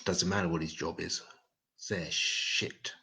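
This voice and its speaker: A man doing a stand-up set of one-liners, deadpan and self-mocking. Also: sits low, a little slow, gravelly. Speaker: stand-up comedian.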